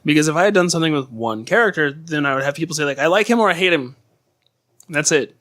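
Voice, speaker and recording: A man in his thirties, a comic book creator chatting as a guest in a relaxed, rambling way. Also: on the high side, fast. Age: 30s. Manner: relaxed, rambling with fillers and acted-out quotes. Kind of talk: casual chat.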